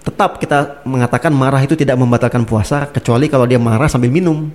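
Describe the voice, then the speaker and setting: A man's voice: mid-range voice, fast talker. A man, an Islamic preacher, explaining religious points in a casual talk, chuckling and acting out the people in his examples. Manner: lively, laughing, acts out angry speakers.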